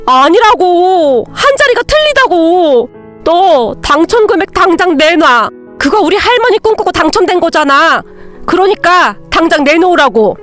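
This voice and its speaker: A woman voicing an angry, greedy young man, an ex-boyfriend who shouts and accuses, drunk, in a storybook narration. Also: extremely high pitch, sing-song, normal speed, soft background music, pitched above the performer's own voice, heavily acted.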